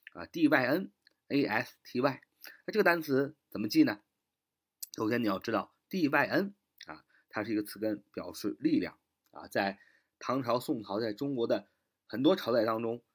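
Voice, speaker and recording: A man teaching English vocabulary in an online lesson. He repeats each word slowly, spells it out letter by letter, and fills pauses with drawn-out "ah"s. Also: medium pitch, husky. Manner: frequent filler "啊" and "那么".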